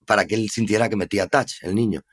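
A man with a Spain Spanish accent speaks in a fairly low voice. He tells his story as a podcast guest in an earnest, reflective way, unhurried and conversational. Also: fairly even intonation. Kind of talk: casual conversation.

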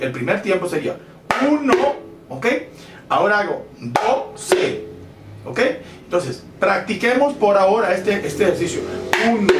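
A man teaching bongo technique, patiently counting beats aloud and correcting himself as he demonstrates. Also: sits high. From Colombia. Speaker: bongo instructor. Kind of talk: music lesson with demonstrations. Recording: roomy, mic at a distance, loud drumming. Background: bongo drumming.

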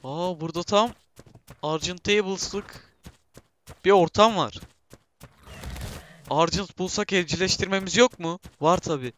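Bright-voiced man chatting over gameplay. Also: high voice, a little slow, long pauses, a little hiss or hum. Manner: chatty, talks to himself and viewers, bursts into excited shouts; self-mocking, laughs often. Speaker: gameplay streamer. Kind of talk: casual gameplay commentary.

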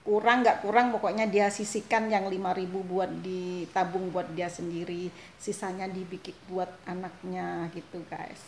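A woman's voice: on the low side, level tone, normal speed, darkish tone. A woman from Indonesia, chatting casually to her viewers in a vlog and laughing often. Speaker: vlogger. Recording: echoey room, faint noise.

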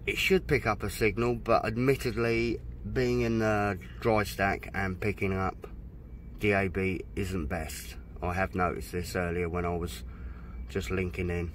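In a casual product demo, a man from the United Kingdom shows off the stereo on his boat in an outdoor dry stack, reading out menu items as he proceeds. His low voice has a flat delivery, though his manner is chatty and unhurried, and there is a little hiss or hum.

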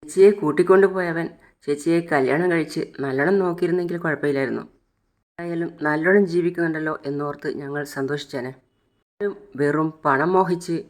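A woman's voice: deep voice, fairly even intonation, fast, close to an everyday voice. A woman doing a reproachful younger sister. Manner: pleading, reproachful. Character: younger sister scolding her older sister.

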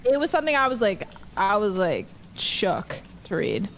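A woman's voice: medium pitch, sing-song, moderate pace, fairly bright tone, a little hiss or hum. A woman on a voice call, teasing and insistent in casual chat. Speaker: guest on voice call.

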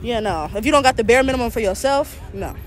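Fast, high-voiced blunt young woman. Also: animated. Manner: blunt, laughing, independent talk. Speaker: interviewee. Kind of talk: casual street interview. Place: outdoor parking lot at night.

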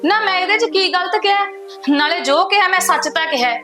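A woman's voice: very high-pitched, a little fast, sharp tone, faint music behind. A woman with an Indian Punjabi accent playing a spiteful young mother who scorns her sister-in-law. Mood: scornful. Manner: cutting, contemptuous. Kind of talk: village family short film acting.

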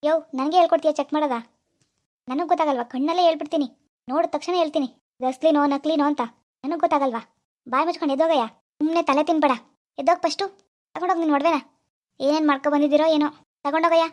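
A woman's voice: sits high, fairly even intonation, racing, long pauses, close to an everyday voice. A woman voicing an impatient scolding pawnbroker. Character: irritable male pawnbroker, bossy and scornful. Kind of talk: animated cartoon dialogue.

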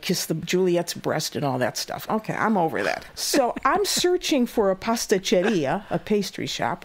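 A woman in her eighties tells stories in an interview. Her voice sits fairly low, and her delivery is lively. She laughs often and puts on voices for the people she quotes. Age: 80s. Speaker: guest, cooking show host. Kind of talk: interview storytelling.

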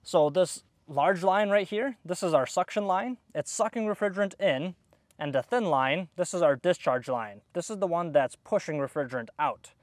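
Man, fairly high voice, dry close recording, outdoor how-to, step-by-step explanation. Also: lively intonation, moderate pace, no echo. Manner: explains step by step while working. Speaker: HVAC technician. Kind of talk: hands-on tutorial. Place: outdoors by an AC unit.

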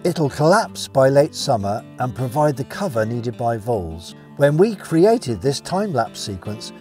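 A middle-aged man from the UK explaining wildlife habitat outdoors in a clear, enthusiastic instructional manner, on a lapel mic. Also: medium pitch, big pitch swings, a little slow, warm tone, faint music behind. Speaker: conservation educator. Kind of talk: instructional nature film. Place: outdoors in grass fields.

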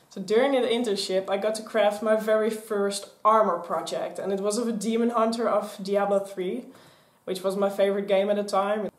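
A mid-range voice belongs to this young Dutch woman, in her twenties, who chats in an animated, rambling way to a camera on a stand, gesturing a lot. The casual vlog is shot in a small indoor craft room with shelves and mannequins, and the room echoes.

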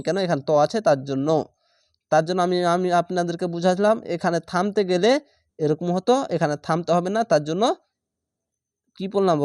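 A man teaching Quran reading who spells out each syllable slowly and patiently, drilling sounds and repeating instructions to his students. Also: high-pitched, a little mellow, dry recording, studio quality. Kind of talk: spelled-out recitation lesson.

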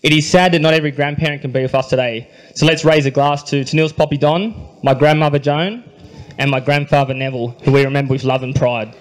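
Speaking into a handheld mic at an indoor wedding reception hall, a young Australian man reads his prepared groom's speech in a dry, understated way. He slips in light jokes, clears his throat often, and carries a quiet emotional undercurrent. His voice is fairly high and fairly even in intonation, he talks fast, and the audio is poor.

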